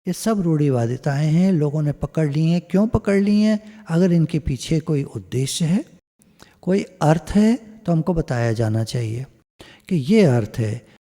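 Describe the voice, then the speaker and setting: A man with a mellow, slightly high voice gives a chatty spiritual satsang talk over a video call. He piles up repeated phrases in lists, and his throat sounds a bit scratchy. His voice trails in a long reverb. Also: expressive, measured pace. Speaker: spiritual teacher. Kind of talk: satsang discourse.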